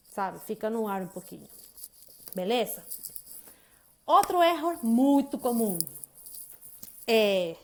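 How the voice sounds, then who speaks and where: A woman's voice: a little high, a little mellow. Chatty Brazilian woman teaching grammar. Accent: Brazilian Portuguese. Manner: chatty, keeps checking in with the listener. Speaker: English teacher. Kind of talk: casual lesson explaining grammar.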